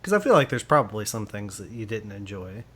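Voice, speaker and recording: A man's voice: lowish voice, sing-song, fast, a crowd in the background. A man hosting a casual movie review podcast. He talks with enthusiasm, laughs often and restarts his sentences. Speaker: podcast host. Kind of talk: casual film review chat.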